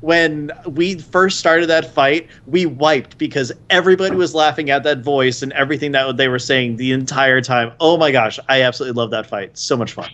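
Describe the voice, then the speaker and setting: A man's voice: medium pitch, moderate pace, few pauses, a bit bright. A man co-hosting a podcast in casual chat, enthusiastic and gushing.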